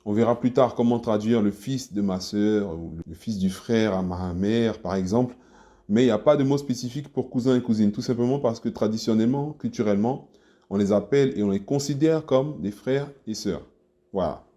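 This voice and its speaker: A man's voice: fairly low pitch, normal speed, dark tone. A man teaching a language lesson, patiently repeating and breaking down words for learners.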